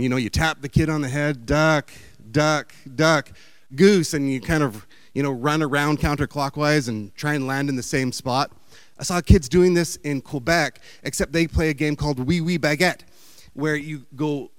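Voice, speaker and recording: A man's voice: fairly high pitch, smooth, dry recording. A man giving a chatty, meandering storytelling talk with slides.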